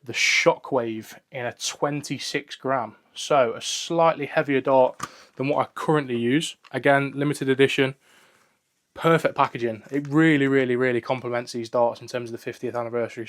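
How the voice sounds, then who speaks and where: A man's voice: mid-range voice, steady tone, normal speed. A man reviewing and unboxing darts in a casual, enthusiastic way, often repeating "very, very".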